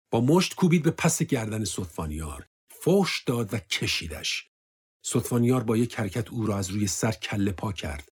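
Husky man narrating a story. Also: on the low side. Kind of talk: scripted narration.

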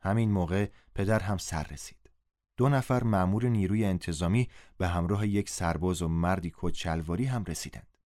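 A man narrating a story in first person, reading the dialogue aloud with a raised voice. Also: low-pitched. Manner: reads dialogue in a raised, louder voice.

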